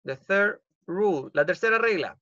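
A man's voice: high-pitched, lively intonation, normal speed, bright, forceful tone, no room sound, dull audio. A male English teacher with a Chilean accent, giving an online class and repeating each rule in Spanish with frequent "ok?" checks. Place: home. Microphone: computer mic on a video call.

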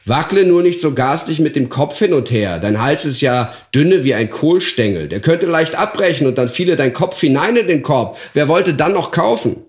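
A man voicing a bold twelve-year-old market boy in a fairy tale reading, calling out loudly and scolding with indignation. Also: fairly high pitch, animated, normal speed, hardly any pauses, reverberant, pitched above the performer's own voice, natural voice. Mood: indignant. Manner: loud crying out, indignant scolding.

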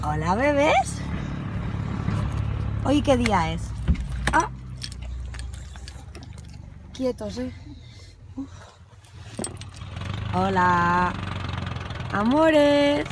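A woman's voice: fairly high pitch, expressive, drawn-out words, long pauses, noisy background. A woman from Spain talking in coaxing baby talk to her pet dogs in a casual home video. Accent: Spanish from Spain. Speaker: vlogger, dog owner.

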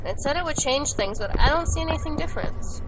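Lively young woman narrating a game. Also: high-pitched, a little fast, poor audio. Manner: bemused, mildly annoyed remarks. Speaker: let's play gamer. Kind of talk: casual gaming commentary. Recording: loud game music behind.

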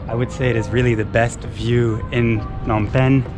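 A man's voice: mid-range voice, little pitch movement, normal speed. Chatty man vlogging over background music. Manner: chatty, enthusiastic. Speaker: travel vlogger. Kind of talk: casual vlog narration. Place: outdoors on a city rooftop and streets. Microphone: handheld camera at arm's length.

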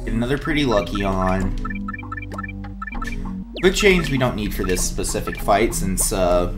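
A man chats through a game, rambling and pausing to think. His voice swings up and down freely. Faint game music plays underneath. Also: on the low side, expressive. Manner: rambling, chatty, hesitant. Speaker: let's play host. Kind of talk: casual gameplay commentary.

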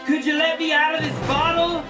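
A woman's voice: sits high, level tone, brisk. A woman voicing a small, friendly creature trapped inside a bottle, pleading to be let out and calling everyone friend, her voice muffled and echoing from inside the glass. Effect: muffled echo from inside a bottle. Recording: echoey and distant, music behind.

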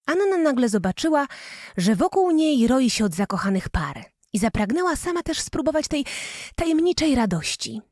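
A woman reading a fairy tale aloud as a storyteller, in an expressive, playful manner. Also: high-pitched, normal speed, dry recording, clean studio sound.

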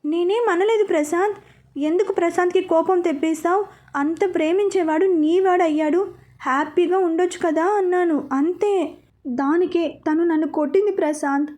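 A woman's voice: sits high, normal speed, mellow, close to an everyday voice. A woman voicing a jealous, two-faced young woman who taunts and whines, in a storybook reading. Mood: fake crying. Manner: taunting, fake tearful whining.

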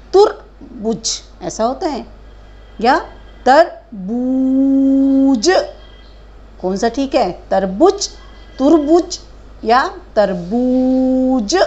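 A woman teaching a kindergarten Hindi lesson, stretching out each word slowly and asking gentle questions of young children. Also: on the high side, lo-fi sound. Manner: slow drawn-out syllables modelling words for children; patient questioning, addresses children as beta.

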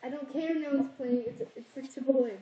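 A woman's voice: high-pitched, fairly even intonation, fast talker, dark tone, highs cut off. A young female friend chatting while gaming, teasing and chanting words over and over. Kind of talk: casual gaming chat.

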